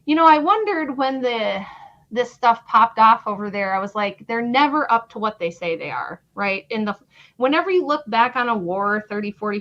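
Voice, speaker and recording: A woman's voice: medium pitch, fairly bright tone. Woman host with muffled, dull audio. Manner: conversational, reads from an article aloud. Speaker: podcast host. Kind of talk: casual podcast discussion.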